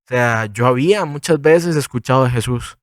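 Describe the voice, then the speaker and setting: A man's voice: normal speed, no echo, studio quality. A young man from Costa Rica telling his conversion story casually on a podcast, acting out the people he quotes. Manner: animated storyteller, quotes others with big pitch jumps. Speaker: podcast co-host. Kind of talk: casual testimony.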